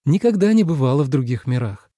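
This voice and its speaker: A man reading an audiobook voices a young female celestial fox healer who speaks gently and apologetically. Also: medium pitch, sing-song, fast talker, no echo, clean studio sound. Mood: gentle.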